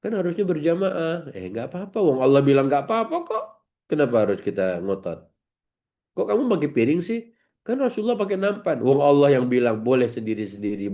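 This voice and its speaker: A man preaching a lively sermon in a joking manner, acting out quick slangy exchanges. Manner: animated, jokey, acts out slangy dialogue in a high voice.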